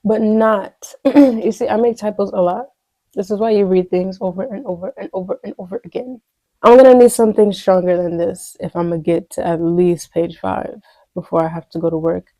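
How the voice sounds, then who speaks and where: A woman talks her way through writing a script in a relaxed vlog, rambling and chatting to herself as ideas come. Her voice is soft and mellow. The sound is close and dry. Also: mid-range voice, brisk, no echo, rough recording. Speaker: aspiring screenwriter vlogger. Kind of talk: casual think-aloud screenwriting vlog.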